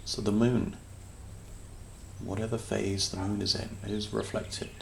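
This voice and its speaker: A man guides a meditation in a low, heavily creaky voice, speaking very slowly, calmly and soothingly. He uses short phrases separated by long pauses, while faint nature sounds, birdsong and slight background noise play behind him.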